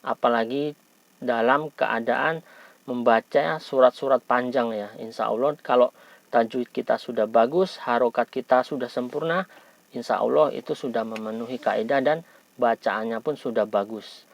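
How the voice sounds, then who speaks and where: Gravelly Indonesian man, carefully over-enunciating. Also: medium pitch, normal speed. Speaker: Quran recitation teacher. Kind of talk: instructional tajwid lesson.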